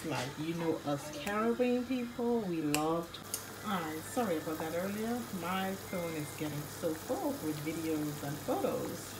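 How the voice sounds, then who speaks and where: A Haitian woman cooking in her home kitchen, chatting casually to viewers and filming on a phone held in one hand. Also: low-pitched. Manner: chatty, rambling asides to viewers. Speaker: cooking vlogger. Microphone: phone camera held in one hand. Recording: echoey kitchen, stove and pot noise.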